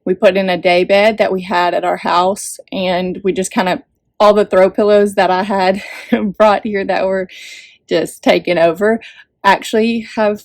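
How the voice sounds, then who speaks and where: Chatty young mom vlogging from an RV. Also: female voice, medium pitch, steady tone, unhurried, no echo, studio quality. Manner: chatty, rambling with fillers and little laughs. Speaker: family vlogger host. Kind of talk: casual vlog chat. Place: RV living room.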